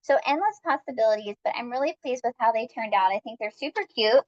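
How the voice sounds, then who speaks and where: Upbeat high-voiced woman teaching cooking. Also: expressive, fast, lo-fi sound. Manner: upbeat and chatty, talks to viewers while working. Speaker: cooking class instructor. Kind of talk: live-streamed cooking demonstration.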